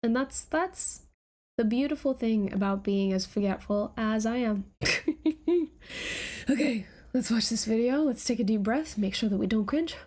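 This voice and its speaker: Woman streamer, light higher voice, laughing and rambling through casual reaction chat. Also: moderate pace, a little mellow. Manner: giggly, scattered, self-mocking chatter. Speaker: streamer reacting to her old videos.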